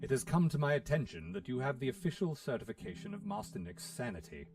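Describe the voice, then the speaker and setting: A man's voice: medium pitch, wildly swooping pitch, fast talker, darkish tone. A man voicing a stiff, overly polite young British butler in a point-and-click game. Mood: prim. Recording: distant voice, faint music behind.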